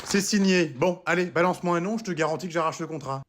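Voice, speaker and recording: A man's voice: on the high side, fast, slight background noise, lightly acted. A man playing an exasperated, short-tempered mother who scolds and swears in a comedy skit. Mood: scolding.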